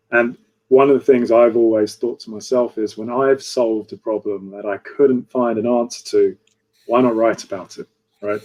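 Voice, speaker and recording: Over a video call, a man moderates an online fireside chat in a conversational style, frequently closing his points with "right?". His voice is lowish and mellow, though the audio quality is poor.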